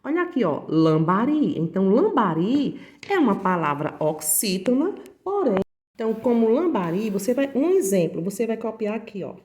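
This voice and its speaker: A woman's voice: fairly high pitch, very animated, normal speed, a little mellow. A woman with a Brazilian Portuguese accent teaching a recorded online lesson, explaining patiently and talking to the pupils directly. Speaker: primary school teacher.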